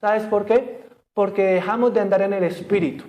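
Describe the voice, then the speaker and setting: The pastor here, from Colombia, has a high, slightly mellow voice with a steady tone and moderate pace. Preaching at a church service streamed online, he regularly asks the congregation questions and mixes in jokes and laughter.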